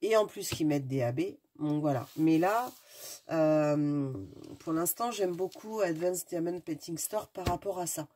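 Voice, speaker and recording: A craft video host with a stuffy nose, sniffling as she goes, chats casually and enthusiastically while unboxing, often searching for words. Her voice sits low and dark, at a measured pace.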